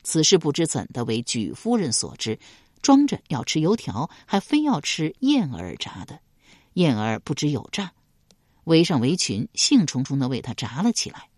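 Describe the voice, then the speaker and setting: A woman narrating a historical novel with expressive, dramatic storytelling. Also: low-pitched, normal speed, dry recording, studio quality. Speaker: audiobook narrator.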